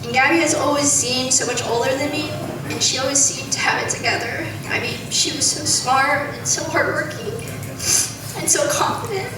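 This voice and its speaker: A young American woman giving an informal, halting, giggly wedding toast as maid of honor. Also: high voice. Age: young adult. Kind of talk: wedding toast, personal speech. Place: large reverberant room at a wedding gathering. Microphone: distant from the recorder. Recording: echoey room from far off, clearly noisy.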